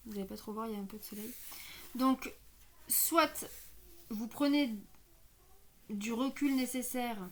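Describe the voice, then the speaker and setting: A woman with a slight lisp on her s sounds, giving a casual card reading and thinking aloud as she goes, often hesitant. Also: a little high. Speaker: online card reader hosting weekend guidance. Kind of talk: casual spoken tarot reading.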